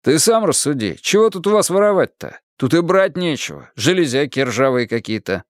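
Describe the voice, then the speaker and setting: Guy voicing a cocky young dude, teasing, laid back, lively tone, dry sound. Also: a little high, normal speed, no echo, pitched above the performer's own voice. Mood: amused. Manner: easygoing, teasing. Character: cheerful, cocky young man. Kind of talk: audiobook character voice.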